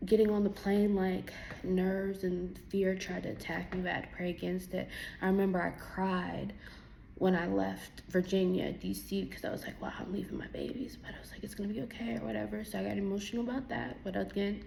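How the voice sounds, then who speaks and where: A young woman, teary from crying, tells a personal faith testimony in a casual, animated way, acting out her own dialogue. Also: medium pitch, gravelly, slight background noise. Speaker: vlogger giving a testimony.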